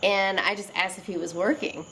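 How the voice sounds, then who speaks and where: A woman's voice: medium pitch, steady tone, moderate pace, fairly bright tone, slight background noise, rough recording. A woman chatting casually, teasing her partner and cutting in to correct his story. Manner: teasing, cuts in to correct him. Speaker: co-host, partner. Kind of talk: casual chat.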